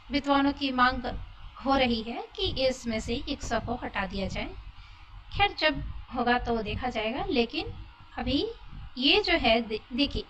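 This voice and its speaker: A woman with a high voice teaches a lesson at an unhurried pace. She explains patiently and demonstrates each sound carefully, repeating it. Her voice sounds a little distant from the microphone. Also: fairly bright tone, slight background noise. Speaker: Hindi teacher.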